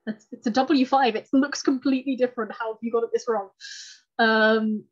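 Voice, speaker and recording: On the high side, her voice keeps a fairly even intonation at a moderate pace. She is a presenter giving an informal, self-deprecating fountain pen talk on a video call from a room in her home, and the call mic produces dull, lo-fi sound.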